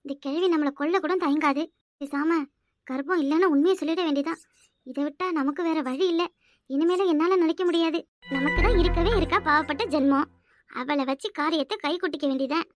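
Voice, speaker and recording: A woman's voice: high-pitched, fairly quick, faint music behind, lightly acted. A woman voicing a scheming young wife in a village cartoon, with a whiny, self-pitying way of talking. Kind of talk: Tamil village cartoon voice acting.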